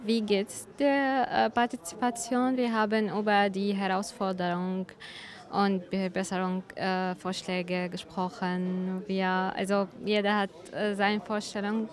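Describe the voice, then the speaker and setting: A young woman answering interview questions haltingly with many fillers into a handheld mic at an indoor event. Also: mid-range voice, little pitch movement. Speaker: workshop leader interviewee. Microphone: handheld reporter mic.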